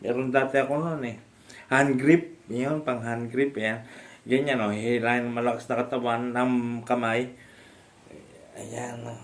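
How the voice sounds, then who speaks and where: A man from the Philippines, a stroke survivor, casually demonstrating home exercises with halting speech, frequent fillers and restarts, and often laughing as he explains. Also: medium pitch, little pitch movement. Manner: polite, addresses viewers respectfully. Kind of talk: casual instructional vlog.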